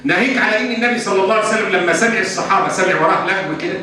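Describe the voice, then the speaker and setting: Very fast, pushed and bright, this man's high voice carries an Egyptian Arabic accent as he, an Islamic scholar, fields religious questions during a lesson. He speaks emphatically, mixing formal and everyday language, captured distantly in an echoey hall with a faint hum.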